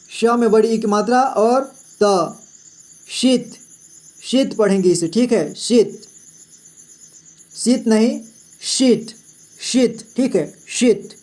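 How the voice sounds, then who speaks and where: In a patient, slow reading lesson, a man helps children read Hindi words by spelling them out one letter at a time, often saying "ठीक है". His voice is high with a somewhat dark tone.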